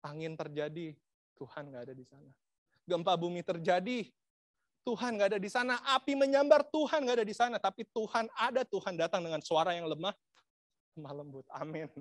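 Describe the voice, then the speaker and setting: Dramatic and swinging between loud and hushed, a man preaches a sermon, posing rhetorical questions to the congregation and mixing in English phrases. His voice is high and a little fast, with no echo.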